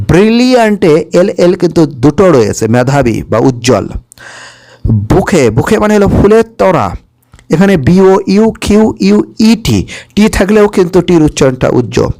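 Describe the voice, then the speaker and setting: A man's voice: a little high, a little mellow. A man teaching an English spelling lesson, spelling each word out letter by letter and explaining its meaning. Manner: spells words letter by letter, slow and careful; explains Bengali meanings, checks with "okay?".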